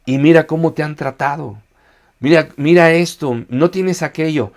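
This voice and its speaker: A preacher voicing a taunting Satan. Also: male voice, a little high, a little mellow, close to an everyday voice. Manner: rapid taunting questions. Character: Satan whispering doubts, male, insidious.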